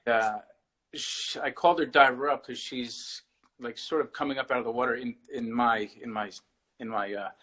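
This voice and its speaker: A man's voice: medium pitch, fairly even intonation, normal speed, fairly bright tone, low-quality recording. A man, an artist, talking casually as a guest on a video-call interview, rambling and often restarting his phrases.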